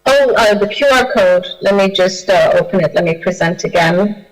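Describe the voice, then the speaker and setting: A Kenyan woman appears as a guest speaker on a video call, answering audience questions hesitantly with frequent fillers and restarts. Her voice is medium-pitched at a moderate pace, and the recording is rough.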